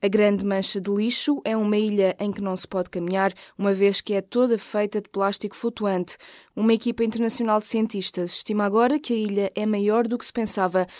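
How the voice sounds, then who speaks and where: A woman with a European Portuguese accent reading a scripted news bulletin in a crisp, measured newsreader delivery. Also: medium pitch, darkish tone, dry recording, clean studio sound. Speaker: news presenter.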